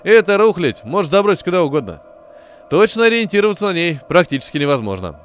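A man voicing a brisk, unflappable airship captain who speaks loudly and with authority. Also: high-pitched, sing-song, soft background music. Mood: breezy. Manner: loud, brisk, commanding.

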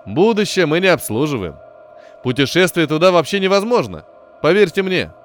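A man voicing a brisk, unflappable airship captain who speaks loudly and with authority. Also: a little high, very animated, a little hiss or hum. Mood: breezy. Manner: loud, brisk, commanding.

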